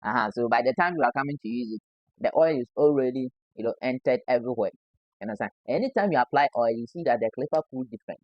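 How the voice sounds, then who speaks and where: A man's voice: medium pitch, expressive, fast, no room sound, muffled recording. A man from Ghana with a Ghanaian English accent, a barber giving a casual hands-on demo who keeps asking "you understand?". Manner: repeats "you understand?" as a constant check-in.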